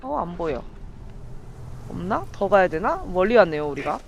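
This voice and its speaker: A woman streamer giving let's play commentary, excitable and talking to her viewers as she plays. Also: fairly low pitch, moderate pace, vocal fry, slight background noise, rough recording. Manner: excitable, talks to viewers while playing. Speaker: game streamer.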